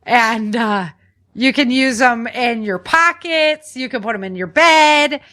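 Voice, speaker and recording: A podcast co-host with a bright, forward voice shares practical tips in an informal, chatty way, like friends talking casually. Her pitch is fairly high and her pace slow.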